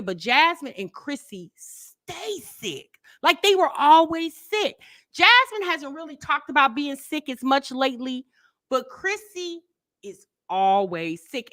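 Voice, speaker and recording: Speaking straight to her audience on a reaction channel, a woman chats casually and says things more than once to drive them home. Her voice is on the high side and sharp in tone.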